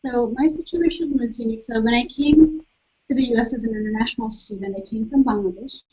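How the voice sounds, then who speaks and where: A soft-spoken young woman from Saudi Arabia, speaking as a guest and calmly explaining her own experience. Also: on the high side, fairly quick, slightly rough. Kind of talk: webcast talk. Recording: dull lo-fi webcast audio.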